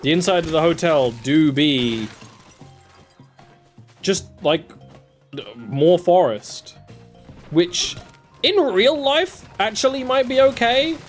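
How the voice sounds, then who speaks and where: Animated yet slow, with long pauses, a young man from southern England rambles through casual gameplay commentary during a video game stream. Faint music plays behind his chatty talk, which features sudden jumps in pitch.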